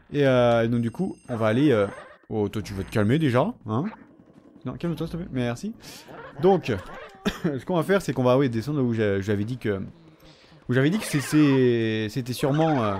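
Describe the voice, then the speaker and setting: A man's voice: medium pitch, lively intonation, moderate pace, a little mellow, slight background noise. A young man giving casual gameplay commentary, chatting to the characters on screen and swearing in jest. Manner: chatty, talks back to game characters, swears jokingly. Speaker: let's play gamer.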